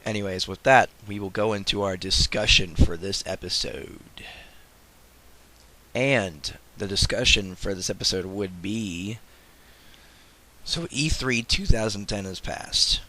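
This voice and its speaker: A man with a cold, hosting a gaming show and rambling casually in voice-over, often repeating words and clearing his throat. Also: fairly low pitch, unhurried, bright, forceful tone. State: sick, congested. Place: off camera, voice-over.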